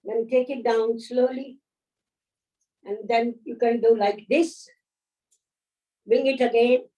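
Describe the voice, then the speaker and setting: Woman, yoga teacher, high voice, slow gentle instructions, a bit far from the mic. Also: fairly even intonation. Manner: gentle, unhurried counting and encouragement. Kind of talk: guided yoga class instruction. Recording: voice from a distance off the mic.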